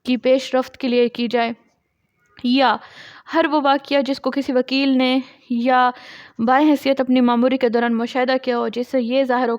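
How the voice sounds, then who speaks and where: A law lecturer with a slightly high, somewhat mellow voice, recorded with highs cut off, gives a lesson by reading formal text aloud. She explains it by posing questions and then answering them herself.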